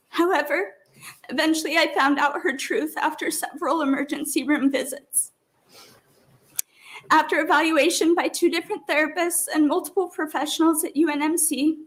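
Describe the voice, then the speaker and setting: A high-pitched woman in middle age speaks as she testifies before a committee. She is emotional, and her voice wavers as she holds back tears. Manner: emotional, voice breaking, tearful. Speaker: parent testifying at a hearing. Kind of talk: public testimony.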